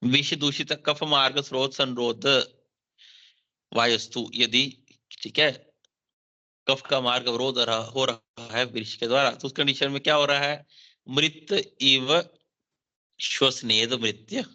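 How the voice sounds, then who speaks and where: Male Ayurveda tutor, bright and forceful delivery, repeats terms and checks in constantly, slightly lo-fi recording. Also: mid-range voice, fairly even intonation, a little slow. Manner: explains Sanskrit verses line by line, repeats key terms; mixes in English terms, frequent "theek hai" check-ins. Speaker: Ayurveda teacher. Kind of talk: exam-focused lecture. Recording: dull lo-fi sound.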